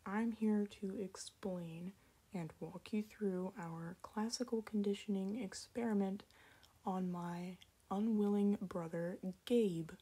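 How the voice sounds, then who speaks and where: A young woman explaining a class project in a tired, half-whispered voice, deadpan and sarcastic. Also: medium pitch, slow pace, breathy edge. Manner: sarcastic, deadpan self-mocking. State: tired, late at night. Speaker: student presenting a class project. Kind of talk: casual explanatory voice-over.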